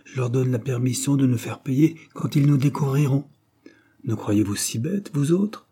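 A man doing a spoiled, insolent teenage boy who sneers and orders others about, his scornful lines set a little higher than plain reading. The tone is mellow and a bit husky. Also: normal speed. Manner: scornful, bossy.

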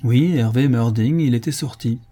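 A man reading the part of a brisk, impatient police commissioner in an audiobook, questioning sharply. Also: mid-range voice, mellow, natural voice.

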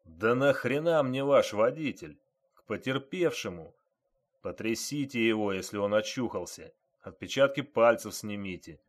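Male narrator as brusque commanding major, scolding, animated pitch. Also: moderate pace. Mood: stern.

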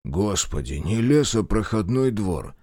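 A man voicing a gruff male partisan chief who grumbles and talks plainly. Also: fairly low pitch, very animated, a little slow, darkish tone, dry recording, studio quality. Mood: grumbling.

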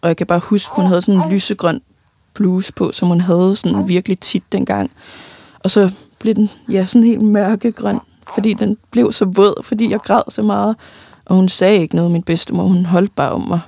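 Young woman telling a hard personal story, gravelly fry in her voice, dry close sound, halting and unsure. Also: mid-range voice, steady tone, dark tone, no room sound. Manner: halting, many fillers and restarts, tearful at times. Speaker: interviewee. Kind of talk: personal grief account.

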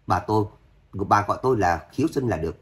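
Man voicing a courteous, enigmatic middle-aged man, low-pitched, storybook reading. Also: brisk, close to an everyday voice. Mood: polite. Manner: courteous, modest. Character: polite, enigmatic middle-aged male power broker.

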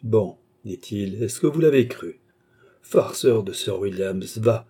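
A man's voice: on the low side, lively intonation, takes it slowly, dark tone, slightly rough, full character voice. A man voicing a lecherous, mocking old villain in an audiobook, jeering and gloating. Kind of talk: audiobook reading.

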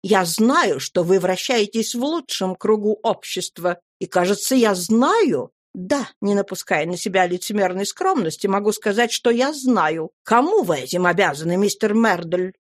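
A woman's voice: medium pitch, animated, moderate pace, few pauses, no echo, clean studio sound, close to an everyday voice. A woman voicing a haughty, reproachful society wife who nags her husband in a storybook reading. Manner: reproachful, sharp.

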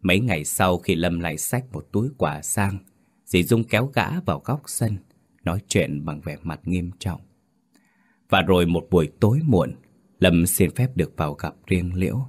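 A man with a very deep, low voice narrates a scripted horror story. His delivery is measured and dramatic, unhurried through each phrase. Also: animated, slightly rough.

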